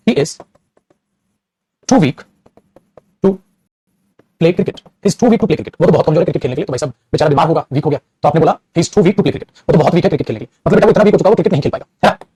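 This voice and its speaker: A man teaching grammar at a rapid clip, his voice high for a man and a little husky. He repeats himself often and keeps checking in with the class. The sound is dry and close. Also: dark tone, no room sound. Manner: repetitive, addresses students as "beta", frequent "very good". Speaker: English teacher. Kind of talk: classroom-style grammar lesson.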